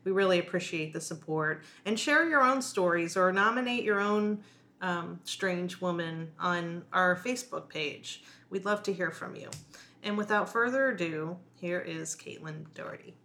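Low-ish female podcast host, encouraging. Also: moderate pace. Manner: warm, encouraging interviewer with frequent backchannels. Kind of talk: casual podcast interview. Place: small hotel room.

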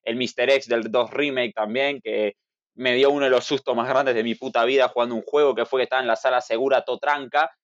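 Excitable young man, lo-fi mic. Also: mid-range voice, a little fast, no echo. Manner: excited, rambling with many restarts. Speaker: podcast guest. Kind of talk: casual podcast chat. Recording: dull dry lo-fi mic.

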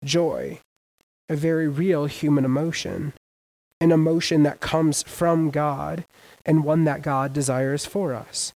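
A man preaching a sermon as pastor, emphatic and casual, with sudden loud rises and everyday slang. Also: on the high side, fairly even intonation, slow, creaky, poor audio.

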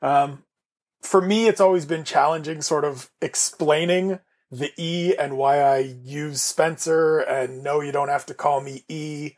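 A man's voice: a little high, a little slow. A man from Canada hosting a casual podcast chat, talking in a rambling way with restarts. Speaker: podcast host.

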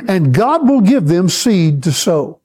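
Slow-talking preacher guy teaching his church, keeps checking everybody's following. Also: high-pitched, very animated, darkish tone. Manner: slow, repetitive, checks in with the congregation. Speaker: pastor. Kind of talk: sermon teaching.

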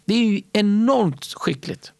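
Gravelly, animated male storyteller. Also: high-pitched, no room sound. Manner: animated, acts out other people's voices. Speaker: stand-up comedy entrepreneur and guest. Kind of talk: casual interview storytelling.

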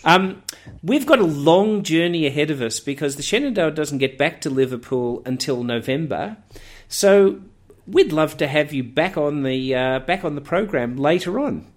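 A man co-hosting a radio show, interviewing a guest in a casual, halting way with many fillers. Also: on the high side, lively intonation. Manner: hesitant, many fillers and restarts.

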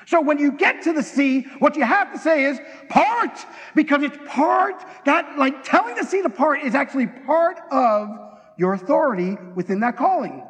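A man preaching an energetic sermon in a church, talking fast and excitedly and acting out bits of dialogue. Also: very high-pitched. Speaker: pastor. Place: church sanctuary. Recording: long hall reverb.

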